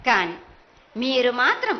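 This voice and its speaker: High, swooping prophetic trance voice of a Telangana woman. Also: sing-song, unhurried, a little hiss or hum. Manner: insistent, commanding, repetitive, addressing devotees as children. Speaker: oracle speaking as the mother goddess. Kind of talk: prophetic trance voice, oracle pronouncement. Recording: dull lo-fi sound.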